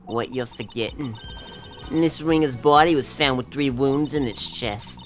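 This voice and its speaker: A man's voice: mid-range voice, lightly acted. Man playing a scornful old father over music. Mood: condescending. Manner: condescending, deliberate, sardonic. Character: stern, smug, scornful old father, a legal authority. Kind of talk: improvised comic game dub. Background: game music.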